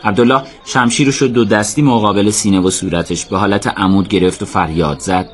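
A man narrating a radio drama in a steady, measured storytelling voice. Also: lowish voice.

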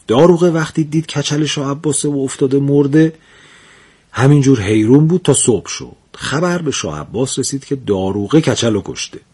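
Husky-voiced male folk storyteller. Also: mid-range voice. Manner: lively, chuckling storyteller.

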